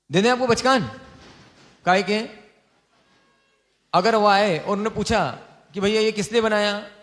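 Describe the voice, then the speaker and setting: A man, a monk, gives an informal sermon on lay vows, teasing his listeners and quizzing them with quick repeated questions. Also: sits high, fairly bright tone.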